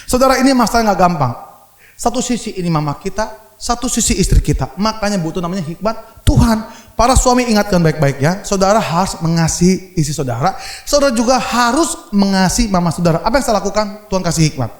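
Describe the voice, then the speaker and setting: A male evangelist delivers a sermon full of humorous family anecdotes, often turning to the congregation. His voice sits on the higher side for a man. The sound rings through an echoey church hall. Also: lively intonation, fast. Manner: humorous storytelling, addresses congregation as 'saudara'. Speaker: evangelist preacher.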